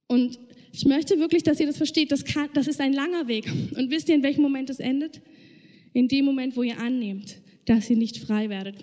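A woman's voice: high-pitched, dark tone, in a large hall. A woman preaching a sermon, speaking earnestly and directly to her listeners.

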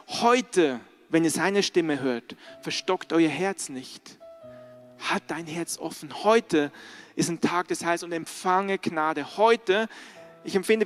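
A middle-aged man preaching a sermon as pastor, earnestly putting direct questions to the congregation. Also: fairly high pitch.

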